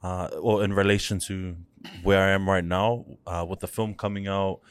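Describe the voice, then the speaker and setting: A relaxed man talks easily as a studio guest, his voice sitting on the low side. He laughs often and keeps things light. The sound is close and dry. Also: normal speed, smooth, dry recording. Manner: laid-back, chatty, laughs easily. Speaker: podcast guest, actor. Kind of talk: casual chat.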